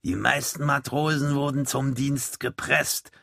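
A man voicing a bald, nearly toothless old sailor who explains things flatly. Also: medium pitch, a little slow, vocal fry, no echo, clean studio sound, voice pushed up. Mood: matter-of-fact.

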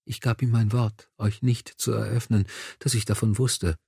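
A man's voice: fairly low pitch, steady tone, normal speed, vocal fry, warm tone, husky, dry recording, studio quality. A man whispering as a feverish dying noblewoman. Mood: tender. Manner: breathless whisper. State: feverish, weak. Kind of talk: audiobook dialogue.

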